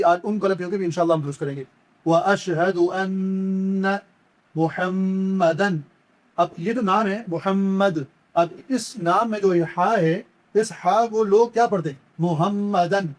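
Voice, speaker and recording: A man teaching correct pronunciation in a religious lesson. He explains each mistake patiently and repetitively, then chants the words slowly and stretches them out. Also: high-pitched. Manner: corrects errors, then demonstrates slow, drawn-out chanted recitation. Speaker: Quran recitation teacher.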